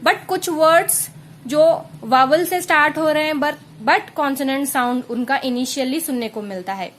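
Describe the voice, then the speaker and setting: High-voiced Indian woman teaching grammar. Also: fairly bright tone, a little hiss or hum. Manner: patient, spells out examples slowly. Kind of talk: explaining English grammar lesson.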